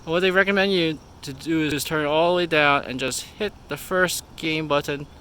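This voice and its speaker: A man giving a casual product review in a halting, informal way, stumbling over words now and then. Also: a little high, fairly bright tone. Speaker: gear reviewer. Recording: noisy raw camera-mic audio with ambience.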